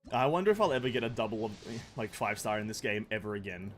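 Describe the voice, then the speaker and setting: A young man casually commenting on his own game pulls, mostly dry and muttering, at times breaking into loud excitement. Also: on the low side, fast, soft background music. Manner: deadpan and muttering, bursting into shouting excitement. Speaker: game streamer. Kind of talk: casual live-stream commentary.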